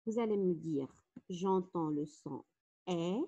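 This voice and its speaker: A woman with a Moroccan French accent teaching a phonics lesson, slowly spelling out letters and syllables. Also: fairly low pitch, expressive, dark tone, husky. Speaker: primary school teacher. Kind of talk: slow, deliberate phonics lesson. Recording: dull, lo-fi recording.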